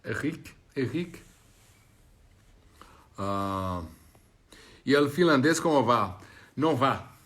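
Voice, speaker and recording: A man's voice: medium pitch, expressive, takes it slowly, long pauses, a bit bright. A Brazilian man with a Portuguese accent, chatting casually on a live stream, reading out viewer comments and joking between languages. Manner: switches between Spanish, English and French, laughing and joking.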